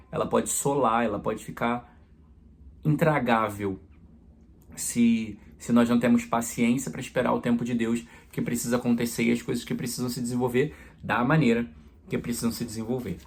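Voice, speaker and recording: Um padre pregando uma homilia em tom de conversa, com exemplos do dia a dia. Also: male voice, mid-range voice, steady tone, fairly quick, creaky, a little hiss or hum. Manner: conversational preaching with everyday examples. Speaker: priest.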